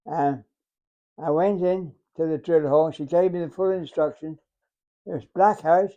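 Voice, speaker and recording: Centenarian male veteran. Soft-edged mellow tone, slightly high for a man, deliberate storytelling, muffled recording. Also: fairly even intonation. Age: 100. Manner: halting, deliberate, acts out remembered dialogue. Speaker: war veteran. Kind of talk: unscripted reminiscence, storytelling.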